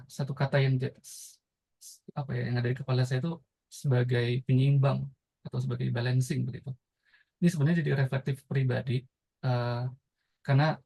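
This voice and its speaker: Man, audience member, gravelly, mellow tone, thoughtful and halting. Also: medium pitch, rough recording. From Indonesia. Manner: hesitant, many fillers and restarts, reflective. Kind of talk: audience comment at a talk.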